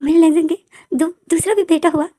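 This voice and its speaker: A woman's voice: mid-range voice, level tone, racing, mellow, no room sound, studio quality, natural voice. A woman voicing a loving middle-aged mother who speaks with emotional exclamations. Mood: overjoyed.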